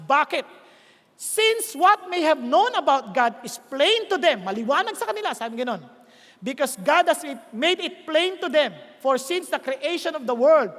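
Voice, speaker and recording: A man with a Filipino accent preaching a sermon in Tagalog and English, often stopping to check that his listeners are following and rising to emphatic shouts on key points. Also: extremely high pitch. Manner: keeps checking on listeners with quick questions. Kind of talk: Taglish sermon. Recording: long hall reverb.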